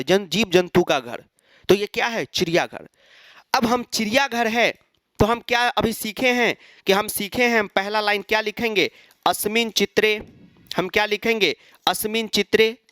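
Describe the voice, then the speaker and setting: A man's voice: high-pitched, fairly bright tone, no room sound, clean studio sound. A man teaching an exam-prep lesson, explaining step by step and answering his own questions. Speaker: Sanskrit teacher.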